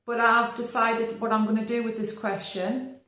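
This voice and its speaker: A woman's voice: a little high, flat delivery, moderate pace, pushed and bright. A woman hosting a casual interview, chatting in a blunt, teasing way. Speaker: interviewer, host. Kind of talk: casual chat. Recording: very echoey room.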